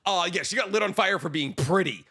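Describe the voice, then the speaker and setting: A man's voice: sits high, animated, brisk, bright, forceful tone, husky. A man in his thirties co-hosting a podcast, in loose casual chat full of swearing and jokes. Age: 30s. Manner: swears freely, jokey. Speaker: podcast co-host.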